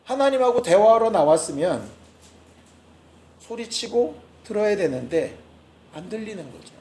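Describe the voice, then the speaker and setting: A man preaches with fervor in a notably high voice, throwing out loud rhetorical questions and then dropping to quiet asides. His sermon rings through a roomy, echoing church sanctuary. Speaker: pastor. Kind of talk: Friday prayer meeting sermon.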